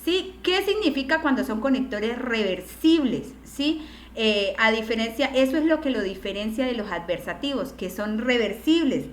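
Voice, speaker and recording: A woman's voice: a little high, expressive, normal speed, echoey room, slight background noise. A woman teacher lecturing an online class, explaining step by step and often checking in with questions.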